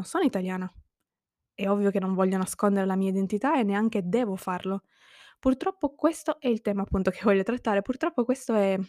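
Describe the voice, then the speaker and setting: A woman from Sicily talks straight to camera in an earnest, reflective monologue, weighing her thoughts as she goes. Her voice sits at an ordinary middle pitch, and the recording is dry and close, with no room sound. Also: darkish tone, no room sound. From Sicily, Italy. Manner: earnest, reflective, thinking aloud. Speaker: vlogger. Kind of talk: personal monologue.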